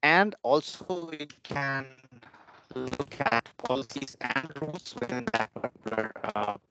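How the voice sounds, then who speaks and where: A man presenting a software walkthrough on a video call, explaining with frequent "right?" tags while his voice breaks up over a bad connection. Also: medium pitch, a little slow, noisy background. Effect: voice breaking up over a bad internet connection. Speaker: product demo presenter. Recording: dull lo-fi online call audio.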